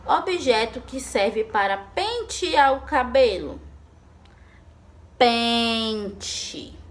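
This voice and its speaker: A woman teaching young children in a remote lesson, asking questions and answering them herself in a patient, sing-song way. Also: a little high. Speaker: primary school teacher.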